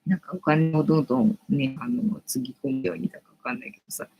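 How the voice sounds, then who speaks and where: A woman's voice: rumbling low, quick pace, breathy edge, lo-fi sound. A woman in her late forties hosting a casual late-night chat stream, rambling and thinking aloud with lots of fillers. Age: 40s. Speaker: live-stream host.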